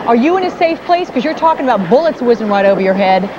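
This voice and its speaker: An American woman anchors breaking news with emphatic urgency in a slightly high voice. The broadcast sound is dull, with clear outdoor noise from a live feed running behind her. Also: sing-song, fast. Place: TV news studio.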